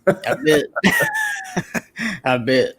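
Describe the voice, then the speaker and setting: A man's voice: high voice, huge pitch swings, very slow, a bit bright, slightly rough, dry recording. Laid-back, slangy man in a dry, close sound. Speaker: guest on a livestream. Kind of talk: casual chat.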